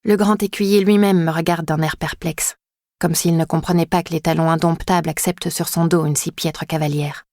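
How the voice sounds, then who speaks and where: Low-voiced woman reading a dark novel. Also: fairly even intonation, moderate pace, no echo, studio quality. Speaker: audiobook narrator. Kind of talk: first-person scripted narration.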